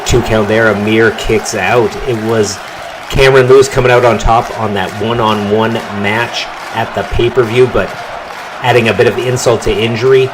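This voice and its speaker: A man calling a wrestling match play-by-play, his voice jumping up in pitch and volume on big moves and near-falls. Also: moderate pace, a crowd in the background, background noise. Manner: excited calls that rise on big moves and pin counts. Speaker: wrestling commentator. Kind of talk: play-by-play commentary.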